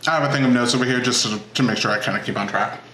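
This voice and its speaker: A man's voice: mid-range voice, racing, bright, forceful tone, slight background noise. A man hosting a casual mukbang vlog from his kitchen, chatty and encouraging, with lots of "um" and "like.". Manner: chatty and encouraging, many "um" and "like" fillers. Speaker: cooking channel host. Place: home kitchen. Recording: echoey room.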